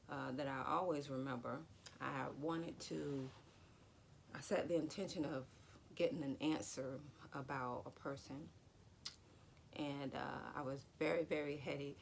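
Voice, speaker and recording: A woman's voice: very deep voice, vocal fry, slight background noise. A woman vlogger talking casually to the camera in a rambling way, full of "you know". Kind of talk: casual talk to camera about dreams.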